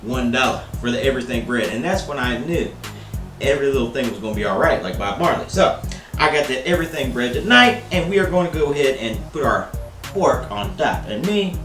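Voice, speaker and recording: A man's voice: medium pitch, lively intonation, brisk, a bit bright, far from the mic, faint music behind. A young man hosting a casual cooking vlog in his home kitchen, rambling and joking as he talks to the viewer. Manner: joking, rambling, calls viewer baby and sir. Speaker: cooking show host. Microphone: camera mic at a distance. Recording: roomy kitchen sound from off-mic.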